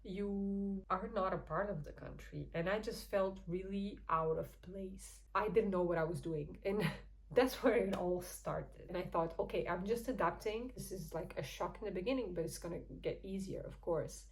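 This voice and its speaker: With poor audio, a Portuguese YouTuber tells viewers a personal story in second-language English. Her medium-pitched voice moves at normal speed, and she stays candid and chatty, laughing softly again and again.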